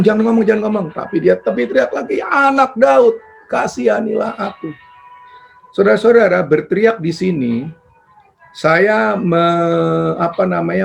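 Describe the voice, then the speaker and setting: A man preaching a sermon as pastor, emphatic, repeating his address to the congregation and mixing English words into his speech. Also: gravelly. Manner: drops in pitch and volume at phrase ends, rising loud on key points.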